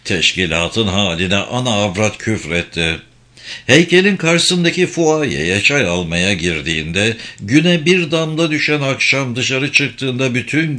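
A man narrating a crime novel as an audiobook, in a measured, expressive reading. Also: lowish voice.

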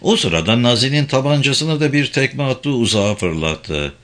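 A man narrating a thriller audiobook in a measured storytelling manner. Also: mid-range voice, expressive, fairly bright tone. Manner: measured storytelling with acted dialogue.

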